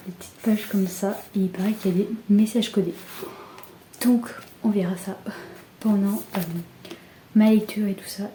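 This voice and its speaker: A young woman chatting casually about books in a soft, often half-whispered voice, with many fillers. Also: medium pitch. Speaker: book vlogger. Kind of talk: casual book haul chat. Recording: echoey room with faint background hiss.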